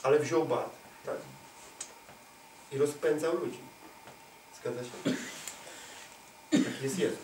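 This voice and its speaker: A man preaching a charismatic sermon, swinging from shouted emphasis to hushed tones and firing rhetorical questions at the listeners. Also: a little high, slow, pauses often, distant mic, a little hiss or hum. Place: church hall. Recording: echoey hall, speaker off-mic.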